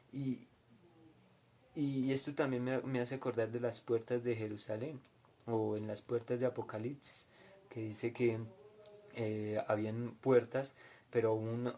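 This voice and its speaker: A man gives a sermon-style testimony, recounting a dream and then moving into Bible teaching. His voice is mellow and dark at an ordinary pitch. He often speaks straight to his listeners. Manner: storytelling, addresses listeners directly. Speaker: preacher at a cell group.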